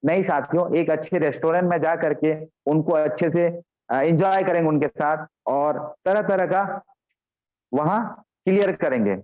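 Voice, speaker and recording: High-voiced man giving a motivational training. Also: unhurried. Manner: addresses listeners as companions, repeats points for emphasis. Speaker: business trainer. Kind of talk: motivational training talk on a video call. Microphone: video call. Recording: dull lo-fi call audio.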